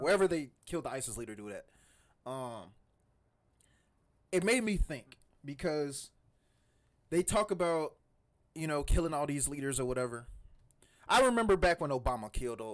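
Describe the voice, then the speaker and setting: A man co-hosting a podcast, talking casually and emphatically, sometimes mocking others in quick put-on voices. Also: mid-range voice. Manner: animated, emphatic, mocking impressions. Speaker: podcast co-host. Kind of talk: casual chat.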